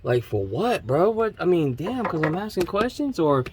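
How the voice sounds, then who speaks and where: Brief: slangy man in casual chat, higher-pitched, faint outdoor ambience behind. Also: normal speed, noisy background. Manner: animated, slangy, says "man" and "bro" a lot. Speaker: vlogger working on his brother's truck. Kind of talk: casual chat while working.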